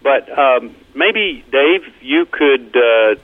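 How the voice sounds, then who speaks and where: Radio host guy on a muffled echoey tunnel line, easygoing, halting, lots of uhs, dry-ish voice. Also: medium pitch, animated. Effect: muffled, echoing remote line that sounds like a tunnel. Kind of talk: casual on-air chat. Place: remote broadcast from a fundraising event.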